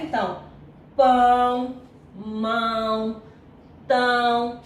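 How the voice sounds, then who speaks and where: A Brazilian woman teacher giving a grammar lesson, who sounds out syllables slowly and often checks in with her students. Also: high-pitched, fairly bright tone. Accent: Brazilian Portuguese. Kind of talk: recorded online grammar lesson. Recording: echoey room, voice far from mic, faint noise.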